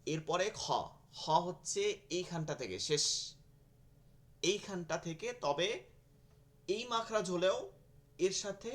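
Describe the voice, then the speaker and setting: A man teaching Arabic letter sounds in an online class, slowly repeating each sound for his students. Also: fairly high pitch, fairly bright tone. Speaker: Quran teacher. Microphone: video call.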